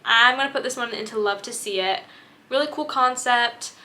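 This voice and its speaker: A woman's voice: a little high, normal speed, sharp tone. A young woman chatting candidly about books she has read, with plenty of fillers. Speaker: book vlogger. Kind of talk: casual chat.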